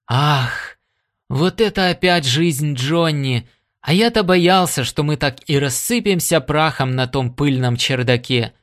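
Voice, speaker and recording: A man voicing a jolly, boisterous Irish spacefarer with a frog-like grin, exclaiming excitedly in an audiobook. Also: mid-range voice, normal speed, no echo, studio quality, close to an everyday voice. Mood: exuberant.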